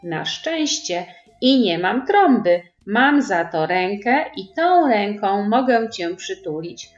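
A woman as a gentle, coaxing mother. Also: medium pitch, sing-song, takes it slowly, echoey room, muffled recording, soft background music. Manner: soft, coaxing. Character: gentle, patient young mother. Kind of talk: storybook reading.

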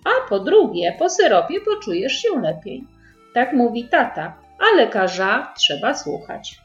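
Woman as a firm storybook mom, gently scolding, slow, echoey room. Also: fairly high pitch, sing-song, voice pushed up. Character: patient, firm mother. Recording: roomy, dull sound with faint music.

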